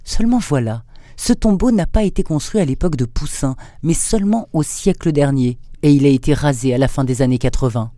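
A man's voice: on the high side, a little fast, warm tone, no room sound, clean studio sound, natural voice. A man reading aloud as an older male scholar, a learned marquis who explains things at length. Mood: explaining.

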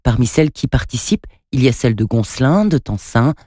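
A man narrating a storybook in a steady, even reading voice. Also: medium pitch, brisk, no echo, studio quality. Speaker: narrator and radio presenter.

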